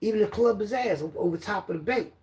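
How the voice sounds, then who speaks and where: A man's voice: sits high, fast, darkish tone. A middle-aged man with a Philadelphia accent, telling loose, rambling street stories in casual slang. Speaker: storyteller guest. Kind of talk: casual storytelling.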